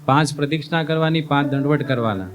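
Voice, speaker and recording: A man with a fairly high voice delivers a folksy sermon as a monk. He acts out the characters in his stories and keeps asking his listeners questions. Guitar music plays clearly behind him. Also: fast talker. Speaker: monk giving a discourse. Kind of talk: sermon with storytelling.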